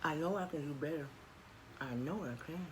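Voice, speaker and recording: A woman's voice: deep voice, moderate pace. A woman doing mukbang eating, chatting in a folksy way to viewers between bites with appreciative mmm sounds. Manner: folksy, addresses viewers as y'all. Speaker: mukbang vlogger. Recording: clearly noisy background.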